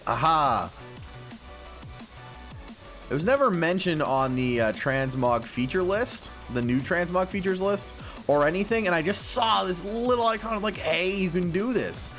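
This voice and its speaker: Excitable man with a cracking morning voice. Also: high-pitched, moderate pace. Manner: rambling, self-deprecating, excitable. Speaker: gaming YouTuber. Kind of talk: casual gameplay commentary. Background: faint music stream.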